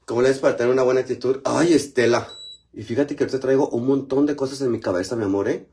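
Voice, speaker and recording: A man's voice: medium pitch, steady tone, fast, darkish tone. A man with a Mexican accent chatting casually on a livestream, greeting viewers by name and using lots of slang while he goes through his skincare routine. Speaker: livestream host.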